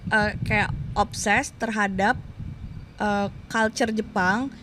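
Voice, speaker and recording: A woman's voice: mid-range voice, steady tone, extremely slow, background noise. A woman in her thirties, a podcast guest, chatting casually and acting out the voices of people in her stories, laughing often.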